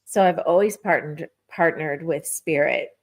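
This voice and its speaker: A middle-aged woman tells a personal story in a relaxed podcast conversation. She is animated and lively, and she acts out what she and others said along the way. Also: deep voice, a little slow. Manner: lively, animated retelling with acted-out quotes. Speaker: podcast guest. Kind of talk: personal storytelling in casual chat.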